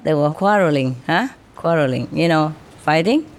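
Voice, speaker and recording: A woman's voice: low voice, animated, normal speed. A woman in her fifties, a spiritual teacher, chatting informally with an audience, joking and chuckling often.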